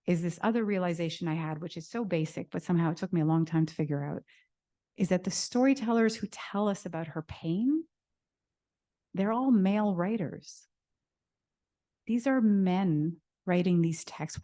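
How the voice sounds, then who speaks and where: Low, mellow woman telling a story. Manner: animated, dramatic storyteller. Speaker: guest lecturer. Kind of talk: lecture storytelling.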